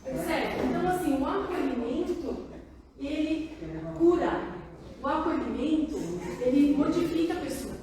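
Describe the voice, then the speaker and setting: A woman's voice: sits high, unhurried, mellow, slight background noise. A Brazilian woman psychoanalyst giving a conversational public talk, often asking the audience questions. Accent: Brazilian Portuguese. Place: large meeting hall. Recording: very echoey hall, voice far from mic.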